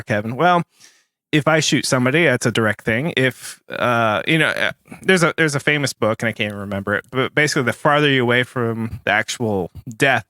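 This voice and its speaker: A man co-hosting a podcast in casual conversation, sarcastic and animated. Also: medium pitch, no echo, studio quality. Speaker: podcast co-host.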